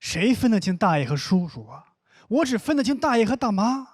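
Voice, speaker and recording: Young guy doing standup, high animated voice, deadpan complaining, noisy live room. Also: fairly quick. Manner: deadpan storytelling, mock complaints. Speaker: stand-up comedian. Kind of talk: stand-up comedy set. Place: comedy stage with live audience. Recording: noisy live show audio.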